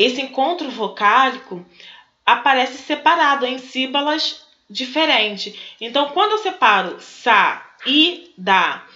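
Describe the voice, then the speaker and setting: Slow, bright-voiced Brazilian woman teacher. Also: high voice. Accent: Brazilian Portuguese. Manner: slow, explanatory, asks and answers her own questions. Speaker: Portuguese teacher. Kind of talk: recorded online class, working through exercises. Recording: echoey room, dull lo-fi sound.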